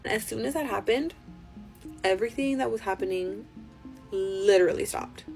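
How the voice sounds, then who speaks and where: A woman host telling spooky stories in a casual, animated, conversational way, drawing out words for suspense. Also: medium pitch, moderate pace, gravelly, poor audio. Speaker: host reading follower-submitted spooky stories. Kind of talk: casual spooky storytelling to camera. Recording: music behind the voice. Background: music.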